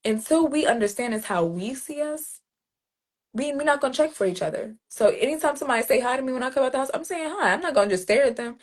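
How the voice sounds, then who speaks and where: A woman's voice: sits high, quick pace. A woman, a poet guest in an interview, telling stories in a casual way and acting out street greetings. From New Jersey, USA. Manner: animated storytelling, acts out street greetings in other voices.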